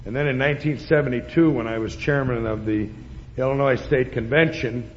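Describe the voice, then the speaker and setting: Guy introducing the guest speaker, kinda halting, big reverby hall, muffled tape. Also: medium pitch, steady tone. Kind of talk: informal speech of introduction. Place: large meeting hall. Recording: echoey hall, dull noisy old tape.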